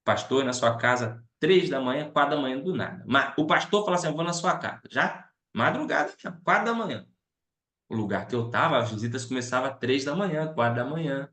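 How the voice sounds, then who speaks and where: A man's voice: mid-range voice, lively intonation, brisk, fairly bright tone. A man, a pastor, telling stories as he teaches a missions class, chatty and often asking his listeners questions. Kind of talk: storytelling lesson. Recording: roomy echo.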